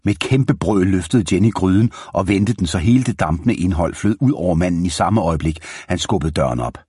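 A man narrating a children's western story in a calm, steady reading voice. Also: low-pitched, breathy edge, no echo, studio quality.

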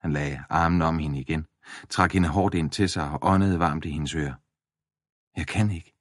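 Deep-voiced male audiobook narrator, dry studio. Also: dry recording. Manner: measured, even reading. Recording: dry close studio recording.

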